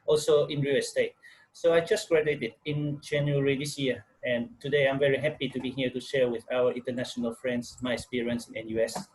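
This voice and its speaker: A man's voice: medium pitch, poor audio. Earnest man from Vietnam with hesitant delivery. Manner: earnest, hesitant with many uhs. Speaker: guest. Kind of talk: casual interview answers. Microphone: video call mic.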